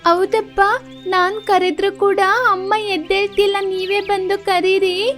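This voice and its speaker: Tearful little girls pleading in a storybook tale, voiced by a woman, very high and soft-spoken. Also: level tone, unhurried, faint music behind. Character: frightened little girls crying for their mother.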